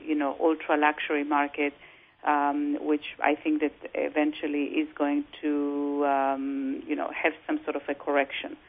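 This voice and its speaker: A woman raised in Israel, a real estate broker being interviewed over the phone, speaking in a measured way with many fillers and restarts. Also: sits low. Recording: tinny phone line.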